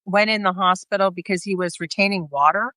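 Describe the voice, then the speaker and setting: A woman's voice: medium pitch, steady tone, a little fast, sharp tone, no room sound. A woman talking casually in a live video chat, rambling and restarting her sentences as she explains. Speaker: guest speaker on health. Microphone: video call.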